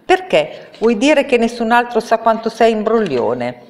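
Woman doing high earnest little girl, firm, echoey. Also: very animated, measured pace, a little mellow. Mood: insistent. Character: brave earnest young girl from Kansas. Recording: reverberant room.

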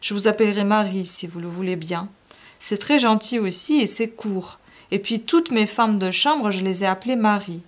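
Woman doing a coaxing old gentleman, raised and louder voice, insistent, storybook reading. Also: medium pitch, moderate pace, natural voice. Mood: patronizing. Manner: coaxing, insistent, rising to pleading. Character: fawning aging gentleman with a shoe obsession. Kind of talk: audiobook reading.

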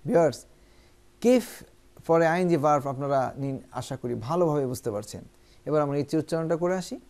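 A teacher giving a spoken English lesson, explaining each point to the viewers and then reading English example sentences slowly and carefully. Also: medium pitch, expressive, darkish tone. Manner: addresses viewers directly and often.

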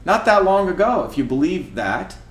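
A man's voice: high-pitched, big pitch swings, normal speed. Emphatic man lecturing in a roomy kitchen. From India. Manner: emphatic, lecturing, repeats points and asks "okay?". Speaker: host. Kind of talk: casual talk while cooking. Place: home kitchen, indoors. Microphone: camera across the kitchen. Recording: echoey kitchen room.

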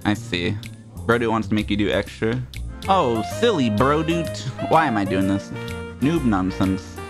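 A man's voice: lowish voice, normal speed, over music. A young man giving casual, sarcastic, self-mocking commentary while playing a game, swearing freely. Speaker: streamer.

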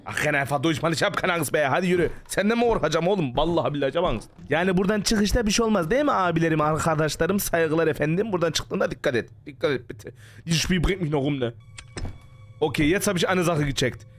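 A man's voice: on the high side, animated, quick pace. A man giving panicky, jumpy let's play commentary on a horror game, full of sworn exclamations. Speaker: gaming streamer.

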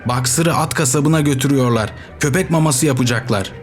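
A man voicing an old, cynical male donkey who shouts urgently, raised well above his own pitch. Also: fairly quick, soft background music, lightly acted.

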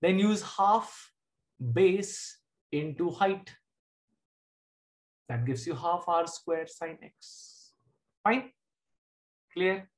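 A middle-aged man with an Indian accent teaches a live online maths lesson from a desk indoors, sharing his screen in a video class. His voice is high and very slow, with frequent pauses, and he keeps things informal, checking understanding with short questions.

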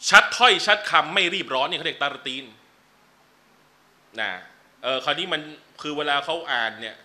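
A man leads a relaxed religious lesson, moving from joking asides to clear, numbered teaching points. His voice is very bright and sharp, and sits a little high for a man. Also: moderate pace. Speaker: Islamic teacher. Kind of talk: casual religious lecture. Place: lecture venue.

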